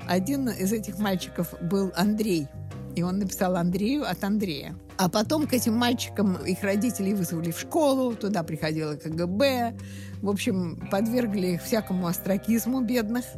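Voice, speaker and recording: Woman in an interview, remembering her family, lots of "uh"s and pauses, clear music going behind. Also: mid-range voice, warm tone. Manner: hesitant, with many pauses and fillers. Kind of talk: interview recollection.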